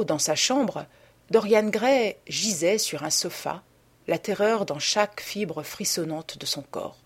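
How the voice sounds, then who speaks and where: A woman narrating a classic novel as an audiobook in a measured, storytelling way. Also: lowish voice, a little mellow, breathy edge.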